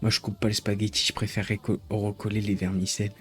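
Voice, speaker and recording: A man's voice: on the low side, flat delivery, fast. A man chatting casually with his live-stream viewers, rambling and joking as he teases the chat.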